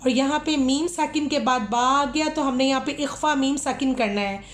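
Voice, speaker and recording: A woman teaching tajweed in a lesson, chanting verses slowly and melodically, then explaining the rules in quick speech. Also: high-pitched. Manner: slow melodic recitation, then rapid explanations. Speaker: Quran recitation teacher.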